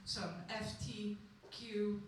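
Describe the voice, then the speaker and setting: A woman's voice: mid-range voice, flat delivery, extremely slow, slight background noise. A woman emceeing a stand-up comedy show, chatty and hyped, calling out to the crowd in an echoey room from far off. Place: comedy venue with live audience.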